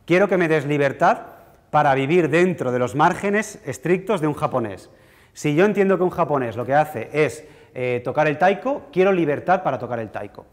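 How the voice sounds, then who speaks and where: A man lecturing in a lecture hall, with a fairly high voice and a long reverb tail behind it. He talks in a conversational, self-deprecating way and keeps asking the audience if things are clear. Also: animated, moderate pace. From Spain. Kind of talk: university lecture.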